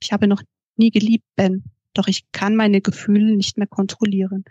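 A restless musician who presses his point with earnest pleading, as a woman reading aloud gives him voice. The tone is mellow and held flat. The recording is close, dry and dull. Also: medium pitch, moderate pace, no room sound, lightly acted. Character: restless musician, older brother, man, insistent.

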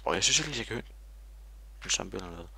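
A man's voice: low-pitched, lively intonation, creaky, heavy background noise. A man giving rambling, silly video game commentary, full of fillers and talking to himself. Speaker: gamer.

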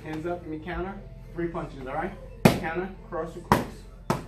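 A man's voice: a little high, fairly even intonation, unhurried. A man in his thirties coaching boxing, calling short, repetitive, encouraging drill commands while taking punches on pads. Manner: clipped, repetitive, encouraging commands amid physical exertion. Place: large indoor boxing gym. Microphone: far camera. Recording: roomy gym, distant mic, loud music behind. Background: loud music, thuds of punches on mitts.

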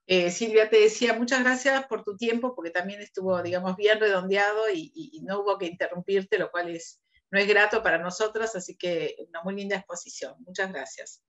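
A woman's voice: medium pitch, fairly even intonation, brisk, fairly bright tone, muffled recording. An older woman moderates informally over a video call from home. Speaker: session moderator.

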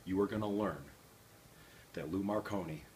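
A middle-aged man delivering a wrestling promo as a pro wrestler, boastful and confrontational, with emphatic pauses. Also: low-pitched, darkish tone. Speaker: professional wrestler. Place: small plain indoor room with a banner. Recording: faint background room noise.

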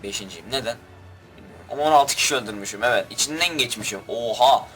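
A man's voice: medium pitch, quick pace, a bit bright, faint music behind. A young man giving rowdy, crude commentary over his own gameplay and barking orders at his troops. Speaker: gaming youtuber.

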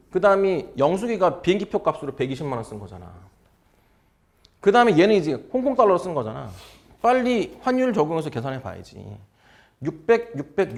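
Male test-prep tutor, blunt and informal, animated pitch, keeps asking students if they follow. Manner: drilling with constant check questions. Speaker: exam prep lecturer. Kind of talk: casual math lecture.

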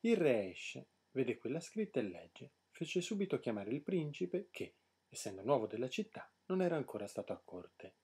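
A man reading a fairy tale aloud in an expressive storybook narration. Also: medium pitch, normal speed, breathy edge.

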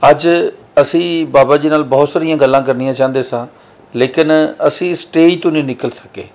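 A man's voice: fairly high pitch, steady tone, normal speed, a little mellow. A man with a Punjabi accent, an interviewer giving a polite, formulaic sign-off to viewers.

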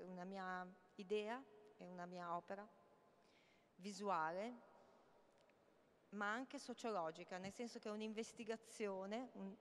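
A woman's voice: mid-range voice, slight background noise. A middle-aged woman, an artist, presenting her projects at a conference, speaking into a handheld mic with many hesitations. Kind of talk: public talk at a conference. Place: large hall, indoors. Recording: long reverb of a large hall.

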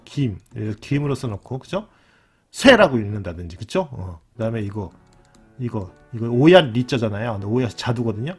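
A man gives a relaxed explanatory lesson, repeating his key words and often pausing to ask "right?". His pitch rises and falls in a lively, animated way. Soft guitar music plays faintly behind him. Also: slightly rough. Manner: repeats key words, constant tag questions. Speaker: lecturer on a channel.

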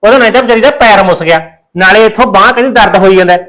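A hot-tempered young husband talks at a racing pace, accusing his wife and then backing down, as an actor plays him. His voice runs high for a man. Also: racing, fairly bright tone, low-quality recording. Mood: accusing, heated. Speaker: son.

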